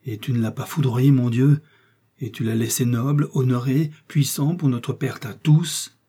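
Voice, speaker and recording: A man's voice: mid-range voice, fairly even intonation, normal speed, dark tone, breathy edge, lightly acted. A man doing a zealous young puritan. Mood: exalted. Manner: exalted, pleading outbursts. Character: fervent young puritan officer, zealous and easily swayed. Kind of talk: audiobook character reading.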